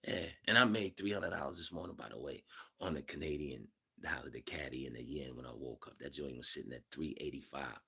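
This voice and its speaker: A man in his fifties hosts a live stream in a blunt, profane, preachy monologue. His voice is gravelly and husky, with a rough edge to every line. He greets viewers in the chat between his points. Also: extremely low pitch, a little fast, pushed and bright. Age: 50s. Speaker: livestream host. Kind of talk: livestream monologue.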